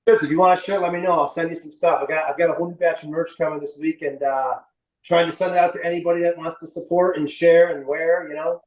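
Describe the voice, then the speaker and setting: A roomy, slightly distant recording of a man in his late forties. He chats informally and rambles a little, his voice a touch high, like an indie director being interviewed. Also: fairly even intonation, fast. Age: late 40s. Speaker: interview guest, indie film writer and director. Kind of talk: casual interview chat.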